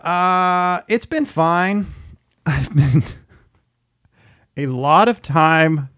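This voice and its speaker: A man in his thirties hosts a podcast in casual conversational chat, speaking candidly about being a therapy client and laughing easily. His voice is a little high and a bit bright, with drawn-out words. The tone is clean, and the studio sound has no room echo.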